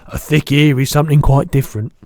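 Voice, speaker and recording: A man voicing a big, soft-hearted, proud giant in a children's storybook, booming and spluttering with mangled rustic grammar. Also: level tone, fast talker, no echo, studio quality, lightly acted. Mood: wistful, insistent. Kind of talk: animated children's storybook reading.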